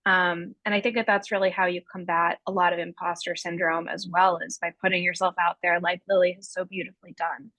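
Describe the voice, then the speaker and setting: A woman's voice: fairly low pitch, flat delivery, brisk, hardly any pauses, sharp tone, dry recording, muffled recording. A woman speaking on a panel in an online call, giving informal explanatory advice.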